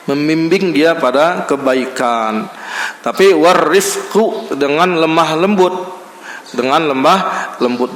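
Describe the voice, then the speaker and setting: A man giving a casual mosque lecture, chatty and acting out small scenes with lively voices. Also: fairly high pitch. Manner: conversational, acts out little scenes with lively voices. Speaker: ustaz giving a monthly study lecture. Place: mosque hall. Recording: echoey hall with long reverb.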